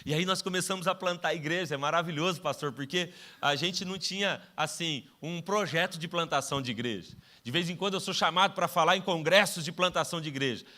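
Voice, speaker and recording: A man's voice: fairly high pitch, quick pace, few pauses, pushed and bright. A middle-aged Brazilian man preaching a sermon as pastor, telling stories with self-mocking humor and acting out the dialogues. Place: church stage.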